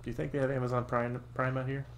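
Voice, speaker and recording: A man playing a farming game with a friend, joking crudely and making quick asides. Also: mid-range voice, little pitch movement, soft background music. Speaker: gamer. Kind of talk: casual co-op gameplay chat.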